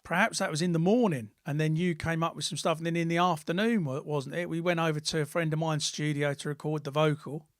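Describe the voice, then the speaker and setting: A man's voice: a little high, steady tone, fast talker, few pauses, no echo. A man hosting a casual live podcast from his home studio room, chatty and rambling, with friendly teasing. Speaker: podcast host and record label producer. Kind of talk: casual live-stream chat.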